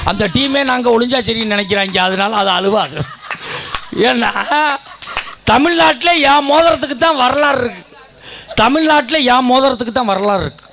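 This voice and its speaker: A man with a Kongu Tamil accent telling jokes as a comic debate speaker on stage before a live audience, loud and shouting at times. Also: very high-pitched. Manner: storytelling with punchlines, turns loud and shouting at times.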